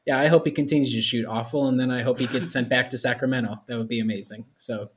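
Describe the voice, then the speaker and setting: A man's voice: medium pitch, fairly even intonation, fast talker, slight background noise. Opinionated man in casual sports chat. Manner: slangy, opinionated. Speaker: basketball podcast panelist.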